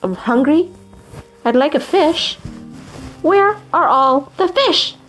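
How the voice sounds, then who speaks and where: Woman voicing a grumbly little penguin for a storybook, whiny and sighing, bouncy high pitch. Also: expressive, slow pace, a bit bright, faint music behind, heavily acted. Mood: grumbling. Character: grumpy complaining young penguin.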